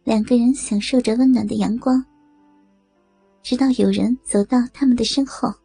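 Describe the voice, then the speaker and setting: A woman narrating an erotic audio story in a steady, even storytelling delivery. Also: a little high, normal speed, vocal fry, slightly rough, no echo, soft background music.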